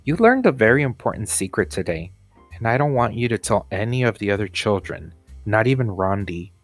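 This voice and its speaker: A man's voice: lowish voice, very animated, fairly quick, dry recording, faint music behind. A man voicing a polite female school staff member in a children's storybook, with sing-song questioning. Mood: friendly, earnest.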